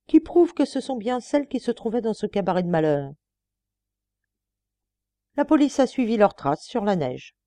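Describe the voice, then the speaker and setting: A woman's voice: mid-range voice, sing-song, normal speed, long pauses, warm tone, no echo. A woman reading the part of a defiant, ironic male murder suspect under questioning. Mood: scornful. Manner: mocking, then indignant pleading.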